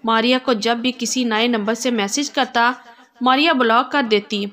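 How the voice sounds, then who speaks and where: Casting: female storyteller, slightly high voice, steady emotional read-aloud narration.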